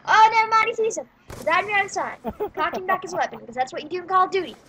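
A woman giving casual, rambling play-by-play commentary on a match, with quick sarcastic asides. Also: very high-pitched, lively intonation, background noise. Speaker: gameplay commentator.

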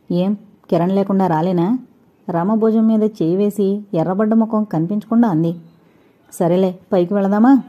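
A woman's voice: medium pitch, warm tone, husky. A woman reading a novel aloud, narrating and speaking every character's lines herself with little change of voice. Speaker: storyteller. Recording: dull lo-fi recording.

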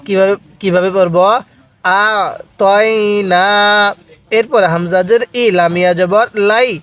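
A man teaching Quran reading step by step. He spells out letters, draws out the long vowels slowly and has listeners repeat after him. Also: high voice, fairly even intonation, a bit bright, clear, resonant tone. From Bangladesh. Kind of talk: step-by-step recitation lesson.

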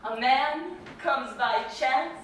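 Brief: woman playing wistful, unraveling young actress; slow, slightly high, distant in a reverberant theater. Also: slight background noise. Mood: distraught. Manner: dreamy, wandering, drifting between hush and outburst. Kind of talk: stage play performance. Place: theater stage. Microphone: distant room mic. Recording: echoey theater taped from far off.

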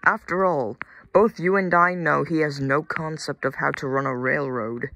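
A man's voice: fairly high pitch, fairly even intonation, moderate pace, bright, forceful tone, a little hiss or hum. A man voicing a smug, defiant engine. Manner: sarcastic, dismissive retorts. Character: smug lazy male tank engine, defiant.

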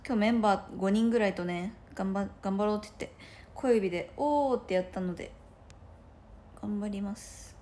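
A woman's voice: medium pitch, fairly even intonation, brisk, mellow, slight background noise. A young woman chatting casually on a livestream from her room, rambling and giggling with many fillers. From Japan. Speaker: idol livestreamer. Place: room at home with no curtains.

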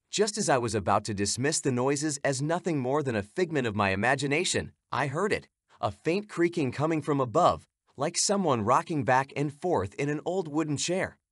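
A man narrates a horror story in a dramatic, suspenseful manner, his pitch rising and falling with lively animation. The recording is close and dry, with no room sound. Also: husky, dry recording. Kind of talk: scripted narration.

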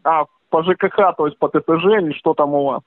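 A male caller with a high voice chats casually. He is agreeable and rambles through hedging phrases. The line is dry, narrow and tinny. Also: fast talker, dry recording. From Russia. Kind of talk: casual phone conversation.

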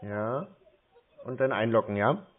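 Posing as a confused customer, a caller speaks through a tinny, muffled phone connection in an animated, slightly rough voice of middling pitch. He rambles through explanations casually, sounding hesitant and a little slow to catch on.

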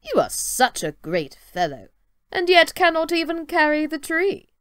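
A woman's voice: very high-pitched, sing-song, no room sound, clean studio sound, pitched above the performer's own voice, exaggerated voice. A woman doing a cocky little tailor. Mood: boastful. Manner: cocky, bright, quick-witted. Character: boastful clever little male tailor.

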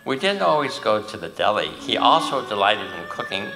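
An older man tells stories from the lectern, earnest and emphatic, with pauses that land his points. His low voice has a gravelly edge and a bright, forceful ring. The sound rolls around a large, echoey hall. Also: very animated, over music. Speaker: lecturer. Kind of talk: storytelling lecture.

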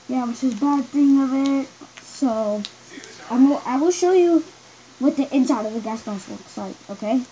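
A woman speaks from inside a gas mask, her slightly high voice muffled as she pushes it louder. She talks slowly and haltingly, stopping to restart her thoughts. Her tone stays soft and mellow underneath the strain. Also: a little hiss or hum. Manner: halting and unsure, trying to talk louder. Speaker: product reviewer. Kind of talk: casual product review.

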